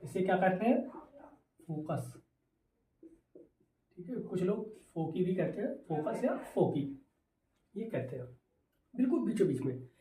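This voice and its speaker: A man's voice: high-pitched, big pitch swings, measured pace, long pauses, mellow, far from the mic, a little hiss or hum. A male teacher giving a physics lesson, asking questions and answering them himself, mixing in English terms. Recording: echoey room, voice away from mic.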